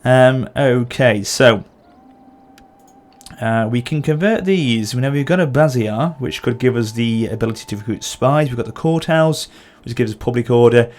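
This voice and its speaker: A man hosting a gameplay channel comments casually on a strategy game, thinking out loud and correcting himself along the way. His medium-pitched voice is a little mellow at a normal speed, though a sore throat brings an occasional cough.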